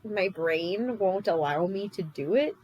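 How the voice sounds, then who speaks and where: A woman's voice: medium pitch, lively intonation, measured pace, crowd noise, rough recording. A woman co-hosting a podcast in a Wisconsin accent, chatting casually in a giggly, self-mocking way. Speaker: podcast co-host. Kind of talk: casual chat.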